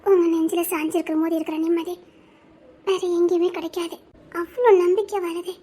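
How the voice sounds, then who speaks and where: A man voicing a loving young woman who speaks softly and affectionately in a homemade audio story. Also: very high voice, fairly even intonation, brisk, pitched above the performer's own voice. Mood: tender.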